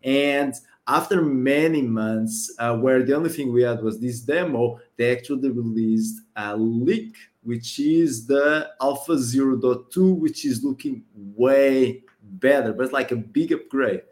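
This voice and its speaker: A man's voice: mid-range voice, measured pace, few pauses, darkish tone. Upbeat man co-hosting a game podcast. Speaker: podcast co-host. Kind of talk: casual podcast chat.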